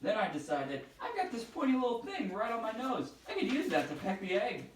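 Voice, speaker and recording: A man voicing an excitable, self-important childlike bird puppet in a children's skit. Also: high-pitched, fairly quick, a little hiss or hum. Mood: earnest storytelling. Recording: echoey room, distant mic.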